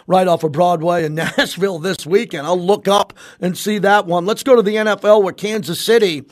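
A man's voice: sits high, steady tone, a little fast, dry recording. An American man hosting sports talk radio, giving emphatic opinions and repeating phrases for emphasis into a close studio mic. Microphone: close studio microphone.

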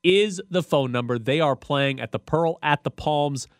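A man with an American accent hosting sports radio, delivering a ticket giveaway contest promo with animated announcing. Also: fairly high pitch, normal speed, dry recording, clean studio sound.

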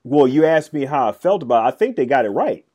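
A man's voice: medium pitch, sing-song, fast, a little mellow, breathy edge. A man in casual chat, talking in a rambling, hesitant way with many fillers and restarts. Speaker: podcast co-host discussing a film and comic.

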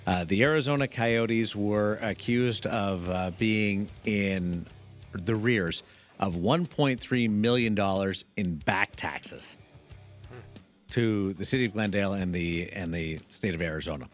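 A man hosting a sports radio show, moving between casual talk and contest promo reads in a halting, self-correcting way. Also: fairly low pitch, soft background music.

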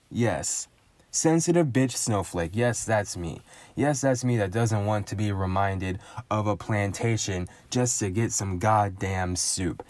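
A man's voice: fairly low pitch, darkish tone, no echo. Sardonic man ranting up close, dry sound. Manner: sardonic, profane, riffing with emphatic asides. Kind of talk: casual solo monologue rant.

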